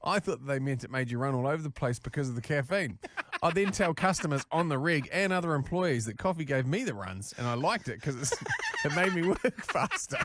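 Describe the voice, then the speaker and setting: A man co-hosts a radio show and reads embarrassing listener stories. His pitch moves a lot, and he giggles often while he reads. His voice is close and dry in the studio mic. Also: no echo. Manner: animated, giggling reader. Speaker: radio co-host. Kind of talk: casual radio chat reading listener stories.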